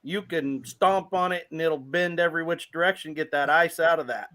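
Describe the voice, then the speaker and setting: A man's voice: a little high, moderate pace, bright, forceful tone. A man, chatty and teasing in a casual talk. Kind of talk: casual chat.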